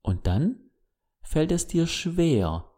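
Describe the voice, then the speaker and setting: A man giving a reflective motivational monologue as a self-help speaker, who speaks to the listener directly with gentle questions. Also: a little high, very animated, very slow.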